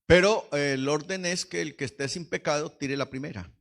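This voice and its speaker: A man preaching a lively Pentecostal sermon in church, swinging from hushed asides to shouts and quizzing the congregation. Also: a little high, moderate pace, vocal fry. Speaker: pastor.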